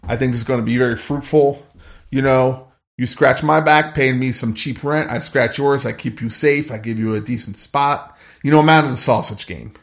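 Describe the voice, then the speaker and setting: A man's voice: medium pitch, normal speed, lightly acted. Man playing a rambling, streetwise hunter. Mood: rambling, offhand. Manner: rambling, slangy, offhand. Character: rough, streetwise male hunter, worn-out and wheeling-dealing.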